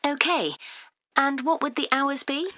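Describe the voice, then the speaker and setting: A woman's voice: high-pitched, unhurried, sharp tone, no echo, clean studio sound. A woman in her thirties playing a practical, upbeat mother looking for receptionist work in a scripted exam dialogue, asking friendly questions. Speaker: job seeker.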